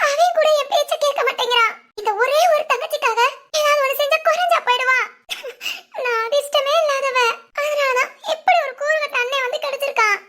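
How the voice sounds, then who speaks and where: A woman's voice: extremely high pitch, lively intonation, brisk, bright, forceful tone, full character voice. A woman voicing a teasing young married sister in a cartoon, giggly and wheedling. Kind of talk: cartoon voice acting.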